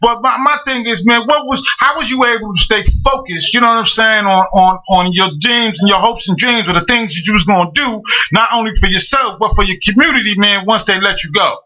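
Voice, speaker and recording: A man's voice: high-pitched, fairly quick, hardly any pauses, pushed and bright, low-quality recording. A man hosting a radio interview, talking slangy and loose, often asking "you know what I'm saying". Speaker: radio show host. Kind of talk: casual interview.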